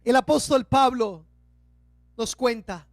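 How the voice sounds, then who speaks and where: A male pastor, preaching an Easter sermon and slowing down to stress key words. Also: very high voice, no echo, studio quality, faint music behind.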